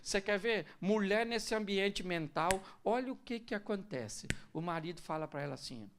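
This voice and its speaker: A man's voice: high voice, moderate pace, noisy background. A male pastor preaching a conversational sermon to couples, joking and acting out little scenes.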